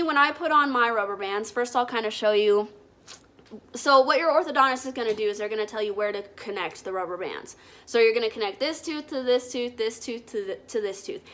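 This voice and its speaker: Speaking casually to her viewers, a woman with a fairly high, very bright, forceful voice explains things in an informal, conversational vlogging style. She demonstrates as she goes.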